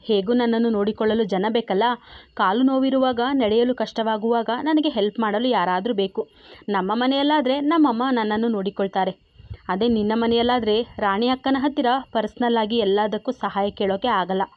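A woman voicing a stubborn, sharp-tongued young wife in a spoken love story, with a scolding way of talking. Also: a little high, a little fast, no room sound, natural voice. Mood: coaxing. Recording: dry, slightly dull recording.

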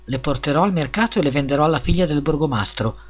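Man voicing meek little peasant Hans, higher. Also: lively intonation, quick pace. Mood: mite. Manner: meek, eager to please. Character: little humble eager peasant gardener Hans. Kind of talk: storybook reading. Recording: slightly dull lo-fi recording.

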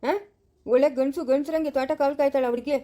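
A woman's voice: sits high, fairly even intonation, fast talker, mellow, natural voice. A woman playing a stern village elder brother-in-law. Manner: scolding and soothing by turns. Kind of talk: amateur family drama acting.

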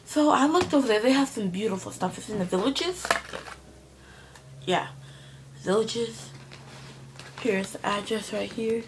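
A woman's voice: fairly high pitch, a little slow, long pauses. Chatty girl vlogging from her bedroom. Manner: chatty, rambling with many fillers. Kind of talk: casual show-and-tell vlog. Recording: home video with background noise.

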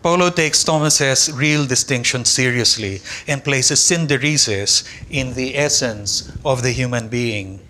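An older male lecturer whose first language is Tagalog reads a conference talk from a text at a lectern microphone in a large hall with an audience. His mid-range voice is bright and measured, and he delivers it deliberately with careful pauses.

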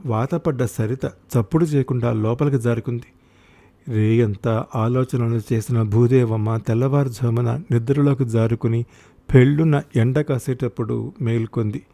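A man narrating a short story for an audiobook in a measured, expressive way. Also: mid-range voice, gravelly.

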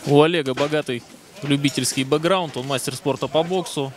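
A man giving factual boxing commentary in a measured manner. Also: fairly high pitch, steady tone, a little hiss or hum. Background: music, event hall sound.

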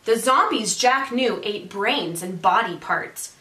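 Her pitch is medium and her delivery animated, slow, pushed and bright as this thirty-something teacher reads a children's story with expression. A camera a few feet away captures her in a small, echoey indoor room with a brick wall.

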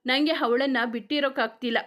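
A woman's voice: high voice, fairly even intonation, fast talker, a bit bright. A woman voicing a sheepish, lovesick young man who whines dramatically in a spoken story.

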